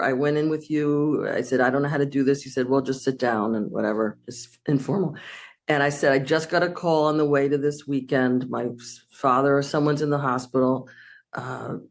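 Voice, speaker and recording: A woman, a former student, thanking her teacher in a rambling, gushing way. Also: very deep voice. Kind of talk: casual thank-you speech.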